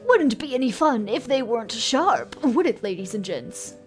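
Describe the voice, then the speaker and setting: A woman's voice: on the high side, very animated, moderate pace, faint music behind. A woman voicing a flamboyant male circus clown, a showy knife-throwing ringmaster, in a grand theatrical showman's manner while reading a video game aloud. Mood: pleased, boastful.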